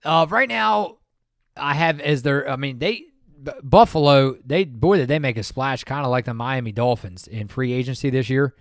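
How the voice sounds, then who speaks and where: A man co-hosting a podcast in casual sports chat, talking in an animated, rambling way with many fillers and restarts. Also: medium pitch, moderate pace, no room sound, studio quality. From Maryland, USA. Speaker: podcast co-host.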